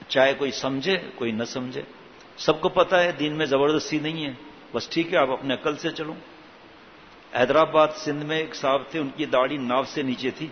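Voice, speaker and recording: A man giving an informal religious talk in a conversational way, with rhetorical questions and frequent restarts. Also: medium pitch. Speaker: religious preacher. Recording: dull lo-fi recording with faint hiss.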